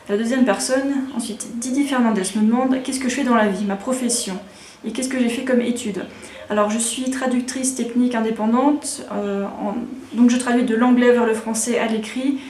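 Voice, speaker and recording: Answering viewers' questions, this Alsatian vlogger in her thirties rambles casually and candidly, full of fillers and restarts. Her higher voice carries a darkish tone, and the recording is reverberant with a little hiss or hum.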